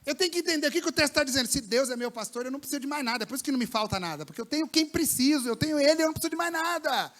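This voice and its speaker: A man preaching a lively sermon to young people in a church service, colloquial and slangy, swinging between loud bursts and hushed lines. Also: extremely high pitch, racing, few pauses. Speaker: pastor. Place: church service with a live congregation.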